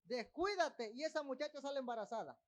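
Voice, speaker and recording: A man's voice: extremely high pitch, animated, moderate pace. A man preaching a sermon as pastor of a church, breaking off with asides to the congregation. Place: church in Texas.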